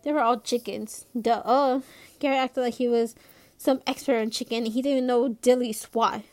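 Lady reading a teen novel out loud, first-person narration, earnest, voice a bit high. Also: fairly even intonation, normal speed. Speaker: reader.

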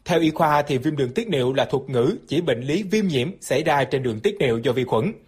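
A man's voice: medium pitch, lively intonation, brisk, darkish tone, husky. A man reading scripted health information as a radio segment announcer.

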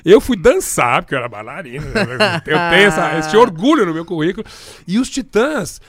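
Animated Brazilian man, lively high voice. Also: fairly quick, crowd noise. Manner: animated, laughs often, acts out quoted voices. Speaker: journalist. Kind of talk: anecdotal storytelling in a conversation.

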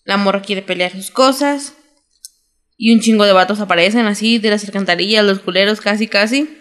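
A young adult woman with a Mexican Spanish accent, recapping a TV drama in casual, slangy, animated chat as a podcast co-host. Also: mid-range voice, brisk. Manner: slangy, animated storytelling with quoted voices.

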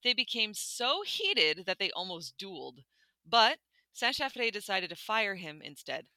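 A woman's voice: mid-range voice, very animated, unhurried, pushed and bright, no echo. A woman co-hosting a casual history podcast, reading notes in a chatty, playful way full of "like" fillers. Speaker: podcast co-host.

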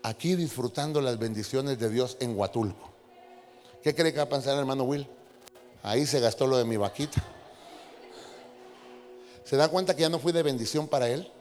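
High-voiced preacher. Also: male voice. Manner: animated preaching, acting out quoted voices. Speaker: pastor. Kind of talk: sermon. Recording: reverberant hall with faint music.

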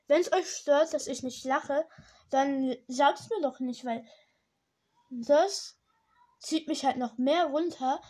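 A woman's voice: sits high, warm tone. A young teenage girl hosting a casual solo podcast, rambling in slangy, self-correcting speech slightly slurred by her braces. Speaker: podcast host.

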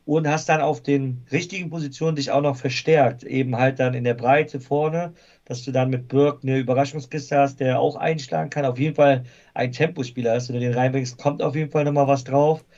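A man in a casual football chat who weighs his points and pauses often with fillers. His voice sits in a middle register. The sound is somewhat dull and lo-fi. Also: mid-range voice, steady tone, a little mellow. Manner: thoughtful, hesitant with fillers. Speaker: guest football fan.

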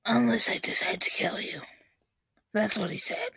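A woman's voice: mid-range voice, very animated, moderate pace, gravelly, sharp tone, slightly rough, dry recording, exaggerated voice. A woman voicing a scratchy, whispering villain who plots to take over the podcast, talking in a menacing, smug way.

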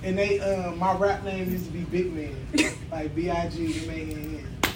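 A man from Detroit, a podcast guest, talking in a profane, teasing way with loud laughs. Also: a little high, little pitch movement, normal speed, very noisy. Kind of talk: casual chat.

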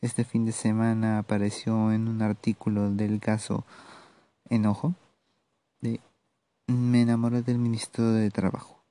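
A man with a Peruvian accent hosting a solo podcast, giving political commentary in a measured, sardonic way with halting pauses. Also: fairly low pitch, monotone, mellow. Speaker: podcast host.

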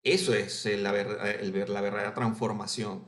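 Venezuelan writer, low-pitched man, reflective and halting, recorded in an echoey room. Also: fairly even intonation. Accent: Venezuelan Spanish with Argentine touches. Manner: thoughtful, many hesitations and tag questions. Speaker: writer guest. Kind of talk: conversational interview answer.

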